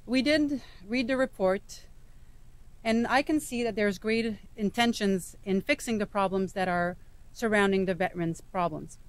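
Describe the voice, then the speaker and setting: A woman's voice: medium pitch, no room sound. French-accented Quebec woman, dry close sound. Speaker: veteran's wife and advocate. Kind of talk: prepared public speech.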